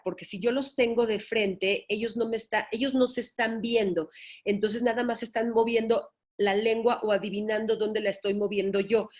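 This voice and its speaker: A woman's voice: mid-range voice, darkish tone. A woman speech therapist giving an informal talk to parents, often checking in with "¿sí?". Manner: explanatory, checks in with "¿sí?". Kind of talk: informal lecture.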